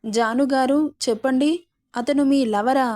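A woman's voice: high voice, fairly even intonation, unhurried, a little mellow. A woman voicing a puzzled young groom in a storybook reading, pressing others with questions. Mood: questioning.

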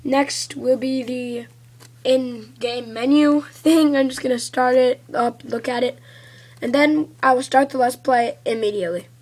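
A woman's voice: high voice, steady tone, a little slow, darkish tone. A woman giving casual unboxing commentary for a gaming video, sniffling from a cold, on an amateur home recording. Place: carpeted room at home.

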